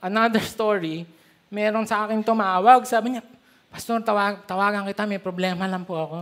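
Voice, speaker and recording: A middle-aged man with a Filipino accent, preaching a sermon as pastor with animated storytelling. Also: high voice. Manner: animated storytelling, switching between Tagalog and English.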